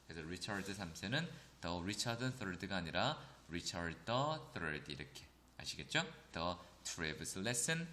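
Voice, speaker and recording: Man, very low voice, grammar lecture, checks in with students, roomy echo. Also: bright, forceful tone. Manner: addresses students often, frequent "그죠?" check-ins; slow, drawn-out reading of English examples. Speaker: English teacher. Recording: echoey room with faint noise.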